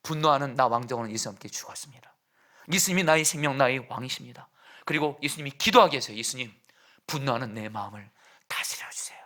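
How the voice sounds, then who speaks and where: A middle-aged man preaching a sermon as a pastor, swinging from loud exhortation to hushed whispers and putting questions to the congregation. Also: mid-range voice, fast.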